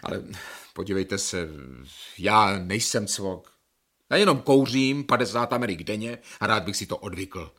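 An actor playing a restless, defensive male patient in a radio drama, quick to flare up. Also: on the low side, fairly bright tone. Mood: complaining. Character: touchy chain-smoking male scientist patient.

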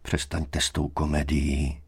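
A man voicing a calm, tired male surveyor who answers quietly and coolly, in a story reading. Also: deep voice, no echo. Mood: calmly firm. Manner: quiet, composed, dry.

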